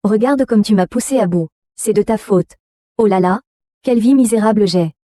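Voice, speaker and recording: Mère âgée qui se lamente et gronde sans cesse, doublée par une femme, voix sombre. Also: female voice, medium pitch, normal speed, warm tone, no room sound, studio quality, lightly acted. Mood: wailing. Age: older. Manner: wailing and scolding. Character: shrill older mother, greedy, melodramatic. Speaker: mother. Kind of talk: dubbed drama.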